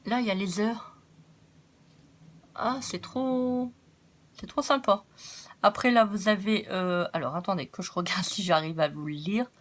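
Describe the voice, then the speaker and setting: A woman's voice: mid-range voice, measured pace, pauses often. A French woman chatting through a craft-supply haul, laughing often, joking about herself and thinking aloud with lots of fillers. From France. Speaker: craft vlogger. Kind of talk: casual haul chat.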